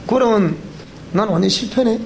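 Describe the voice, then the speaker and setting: A male pastor with a Gyeongsang accent giving a joking, animated seminar lecture that quizzes the audience. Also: sits high, moderate pace, gravelly, slight background noise. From Gyeongsang region of Korea. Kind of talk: sermon-style seminar lecture. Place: church hall.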